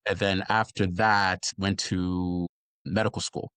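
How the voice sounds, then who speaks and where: A man from the United States, a physician guest on a podcast, talking in halting bursts with repeated words and joking asides. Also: sits low, level tone, fairly bright tone, clean tone, no echo. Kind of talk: casual interview chat.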